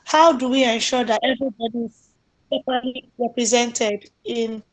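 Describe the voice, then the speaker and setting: A woman's voice: on the high side, fairly even intonation, moderate pace, dry recording, rough recording. A young woman student, answering in class and politely calling her teacher sir.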